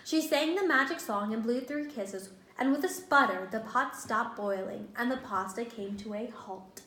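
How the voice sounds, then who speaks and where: In a spacious, echoey room, a female teacher gives an animated picture-book reading for young kids, breaking off to question and explain. Her voice sits on the high side, pushed and bright, at a moderate pace, with slight hiss or hum on the recording.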